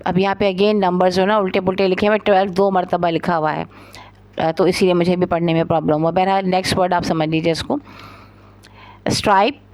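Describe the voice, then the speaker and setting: A woman with a Pakistani Urdu accent teaching English. She reads the English sentences slowly, explains them, and spells words out letter by letter. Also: medium pitch, a little mellow, no room sound. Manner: slow and careful reading of English, then explaining it. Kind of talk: spoken textbook lesson.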